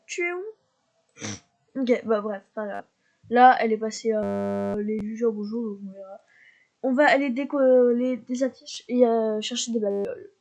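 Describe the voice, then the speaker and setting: A woman casually commentating her life-simulation gameplay, chatty and excitable, talking to her characters, sniffly from a cold. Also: a little high, moderate pace, lo-fi sound. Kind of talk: casual let's-play commentary.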